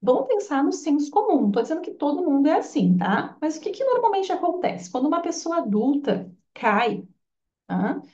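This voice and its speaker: A woman's voice: high voice, very animated, normal speed, darkish tone. A woman giving an informal course lecture, chatty, with lots of tag questions. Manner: chatty, with frequent tag questions and quoted voices. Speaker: Bach flower therapy course teacher. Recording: echoey room, distant lo-fi mic.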